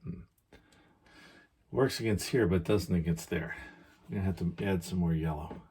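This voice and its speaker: Gentle painting instructor guy, very husky and kinda low, talks thru each step casually with pauses. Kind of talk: casual painting demonstration, thinking aloud.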